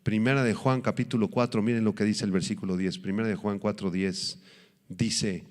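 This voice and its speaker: A pastor delivering a sermon, teaching in an animated way and slowing down to stress his points. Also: lowish voice, long reverb tail. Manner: animated preaching, acts out quoted voices, slows for emphasis.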